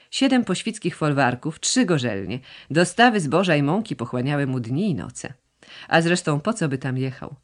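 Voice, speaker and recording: A woman narrating a classic novel as an audiobook, reading with expressive, varied intonation. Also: sits low. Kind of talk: scripted literary narration.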